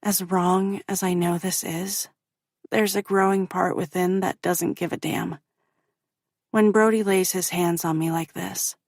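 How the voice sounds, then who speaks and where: A woman reading a first-person romance audiobook in a slow, intimate way. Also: on the low side, dry recording, clean studio sound. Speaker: audiobook narrator.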